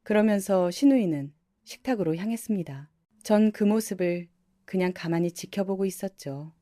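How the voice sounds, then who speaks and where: Calm mellow woman storyteller. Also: mid-range voice, normal speed, no room sound, clean studio sound. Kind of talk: scripted first-person story narration.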